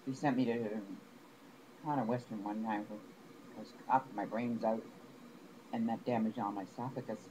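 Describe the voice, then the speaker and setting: A man telling a long personal complaint to the camera, rambling and aggrieved, with halting restarts. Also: on the low side, steady tone, mellow. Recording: noisy home recording.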